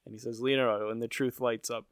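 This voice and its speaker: A man's voice: mid-range voice, little pitch movement, fast, clean tone, dry recording. Weary, dry-voiced man recapping a cartoon. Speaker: podcast co-host. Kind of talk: casual chat recapping a cartoon episode.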